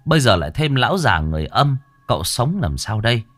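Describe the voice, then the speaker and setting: A man narrating a ghost story in a dramatic, lively way. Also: mid-range voice, quick pace, no room sound.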